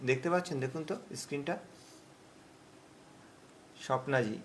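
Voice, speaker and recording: A man teaching an online recitation class over a video call, patient and explaining slowly, drawing out words as he recites. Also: mid-range voice.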